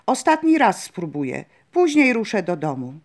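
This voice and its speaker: A woman's voice: mid-range voice, big pitch swings, normal speed, darkish tone. A woman voicing a poor young fisherman who speaks in an earnest, troubled way. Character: poor young fisherman, worried yet stubborn.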